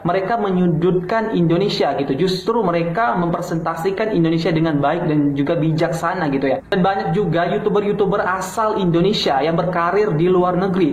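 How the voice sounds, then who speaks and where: A man's voice: high voice, reverberant, lo-fi sound. A man commenting on a video in a lecturing way, tagging sentences with "gitu ya", from a played-back clip. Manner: lecturing, frequent "gitu ya" tags. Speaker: YouTube commentator.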